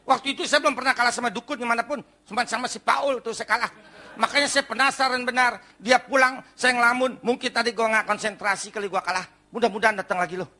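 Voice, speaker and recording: An older man giving a testimony sermon, telling his story with lively acted-out outbursts. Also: very high-pitched, quick pace. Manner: animated storytelling, acts out his past self with sudden loud outbursts.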